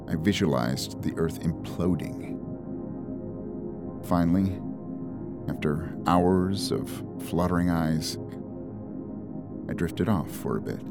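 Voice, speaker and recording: A young man narrating a first-person story in a measured, introspective way. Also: sits low. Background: music.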